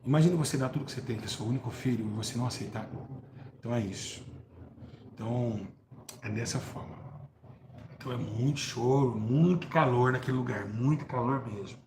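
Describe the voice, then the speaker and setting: Fervent preacher in a roomy echo. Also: male voice, fairly quick. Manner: fervent, repeats words and asks listeners for agreement; swings from loud stresses to low murmurs. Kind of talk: live-streamed hellfire sermon. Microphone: live-stream mic. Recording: roomy echo with faint background noise.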